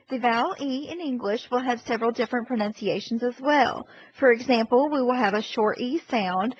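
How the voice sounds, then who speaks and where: A woman narrating a slide presentation as a language teacher, speaking slowly and carefully. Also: fairly high pitch. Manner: slow, careful, over-articulated. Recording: dull lo-fi voice-over.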